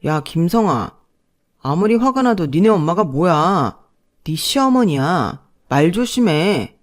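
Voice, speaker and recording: A woman's voice: on the low side, big pitch swings, takes it slowly. A snobbish son-in-law from an audio story, played by a woman narrator. He talks down to people in a condescending, self-justifying way. His voice stays close to the reader's own, only a little raised. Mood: scornful. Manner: condescending, wheedling, then scornful. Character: arrogant young husband, snobbish son-in-law.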